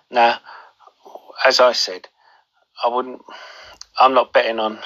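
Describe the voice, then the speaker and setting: A man hosting a money show, giving informal stock market commentary in halting pieces, his voice thick with a cold and sore, swollen throat. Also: medium pitch, pushed and bright, low-quality recording.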